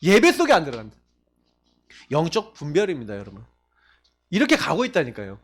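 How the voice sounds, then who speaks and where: Man, pastor, sermon, high voice, very lively pitch, emphatic, rhetorical questions. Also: fairly quick. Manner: swings between loud high stresses and low near-whispered asides.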